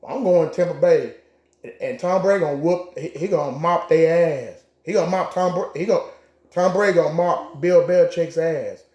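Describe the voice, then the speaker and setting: A man's voice: a little high, normal speed, a little mellow. A man co-hosting a casual sports chat, giving blunt picks with profane trash talk. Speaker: co-host making game picks. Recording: echoey room.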